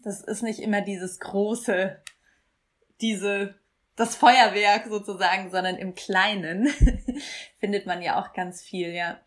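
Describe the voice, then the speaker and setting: A woman hosting a conversation at a mid pitch. She backs her guests with quick agreement and short affirmations. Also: steady tone. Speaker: podcast host. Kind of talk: conversational interview talk.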